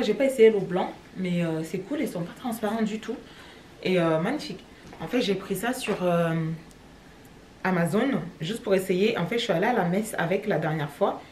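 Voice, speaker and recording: A woman's voice: on the low side, brisk, a little mellow, slight background noise. Chatty young woman vlogger, from Cameroon. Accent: French. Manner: chatty, rambling, many fillers. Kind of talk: casual vlog chat.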